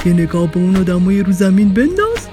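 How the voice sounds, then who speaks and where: A woman voicing a big, friendly, hungry male dinosaur in a children's storybook, calling out loudly. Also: mid-range voice, big pitch swings, over music, voice pushed down, close to an everyday voice. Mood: booming.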